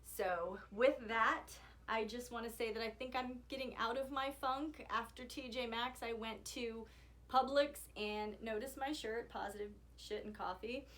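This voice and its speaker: A woman's voice: fairly high pitch, a little slow, fairly bright tone. A woman chatting casually in a personal video, candid and self-deprecating, rambling as she goes. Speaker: vlogger.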